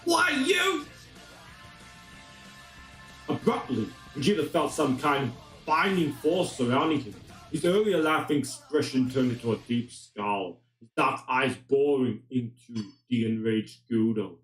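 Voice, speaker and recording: A man reading a fan fiction story aloud with expressive storytelling. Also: mid-range voice, moderate pace. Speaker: narrator. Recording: roomy distant voice, faint music.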